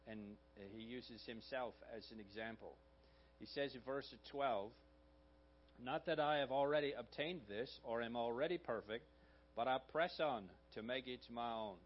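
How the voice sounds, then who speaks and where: Man, slightly hoarse, preaching sermon, conversational asides, dull lo-fi recording, faint hum. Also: medium pitch. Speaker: pastor.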